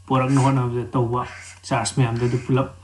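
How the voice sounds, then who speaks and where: A man's voice: medium pitch, flat delivery, fairly quick, a little hiss or hum. A man with a Manipuri accent teaching physics, reading out definitions, then explaining them step by step and repeating key phrases. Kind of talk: classroom lesson mixing read-out definitions with explanation. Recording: roomy, echoing voice recording.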